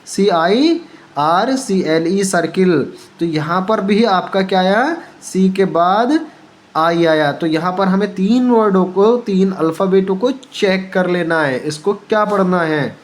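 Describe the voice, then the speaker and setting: A man's voice: sits high, slow pace. A male teacher giving a spoken pronunciation lesson, spelling words out letter by letter and asking the viewer to repeat each answer.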